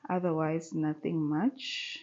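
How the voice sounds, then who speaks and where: A woman in her thirties vlogging casually from a living room sofa, talking in a relaxed, chatty way with many pauses. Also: low-pitched, muffled recording. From South Africa. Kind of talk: casual chat to camera. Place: bright living room at home, seated on a sofa.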